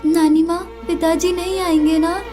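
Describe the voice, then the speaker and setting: A woman's voice: extremely high pitch, little pitch movement, normal speed, voice pushed up. A woman doing a timid little village girl. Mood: tearful. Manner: small pleading childlike voice. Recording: music playing under dialogue.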